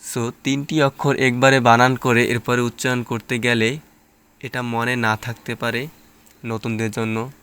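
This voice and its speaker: Slow, deliberate male Quran teacher. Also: medium pitch, level tone, clear, resonant tone. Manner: slow, drawn-out loud spelling drills, quieter quick explanations. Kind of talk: step-by-step spelling lesson.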